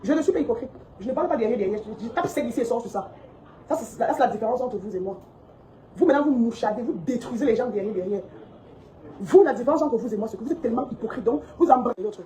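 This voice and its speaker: A woman's voice: on the high side, expressive, fast, mellow, rough recording. A woman who owns a shop, giving a heated, scolding monologue to her followers and repeating her points indignantly. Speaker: shop owner vlogging.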